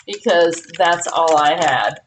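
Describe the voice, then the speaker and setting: A woman commentating her own live game stream in a bubbly, excitable way, squealing when she wins. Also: lowish voice, extremely slow, slight background noise.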